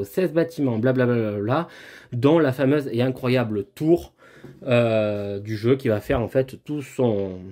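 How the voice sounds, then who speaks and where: A man's voice: on the high side, warm tone. A man hosting a board game channel, chatting casually through an unboxing with frequent fillers and restarts. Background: lawn mower and brush cutter nearby.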